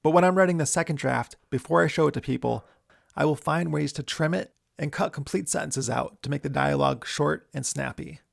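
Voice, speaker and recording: A man who hosts a screenwriting show, giving writing tips in a relaxed, chatty way. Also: fairly high pitch, brisk, creaky, dry recording. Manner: relaxed, chatty, many fillers. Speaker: screenwriter and podcast host. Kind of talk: casual instructional talk.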